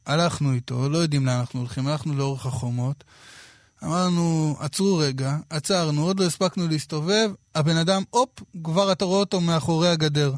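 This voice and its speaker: A man in his thirties from Israel, telling a personal story in a casual, lively way with quoted dialogue. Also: a little high, no room sound, clean studio sound. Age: 30s.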